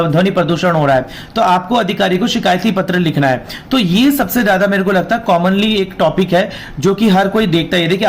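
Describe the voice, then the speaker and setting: Running an online law class, a man with a sore throat teaches an informal exam lesson, explaining points and repeating the important ones. He speaks Hindi sprinkled with English terms. His voice sits high, and there's slight background noise.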